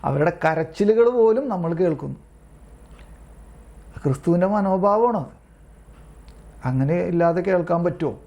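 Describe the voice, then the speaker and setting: A man's voice: high voice, animated, normal speed, creaky, pauses often, highs cut off. A man leading an online prayer group as a lay preacher, reading religious texts aloud and explaining them in an informal, repetitive way, often checking whether listeners understand, heard over a video call. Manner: repetitive, keeps asking listeners if they understand.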